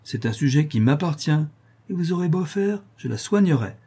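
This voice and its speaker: A man voicing an eager, obsessive hospital doctor who speaks in an excitable, insistent way. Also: a little high, normal speed, slightly rough, pitched above the performer's own voice.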